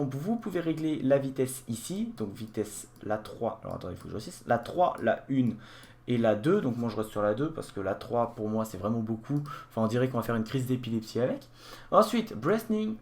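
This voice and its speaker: A man giving a casual unboxing walkthrough of a gadget, explaining as he clicks through settings, with frequent hesitations and restarts. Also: medium pitch. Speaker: tech reviewer.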